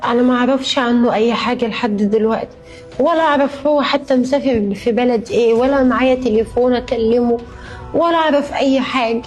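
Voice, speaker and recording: A woman's voice: a little high, fast talker, a little mellow, faint music behind, natural voice. Woman playing a frightened homeless young wife. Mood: weary. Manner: pleading, tearful.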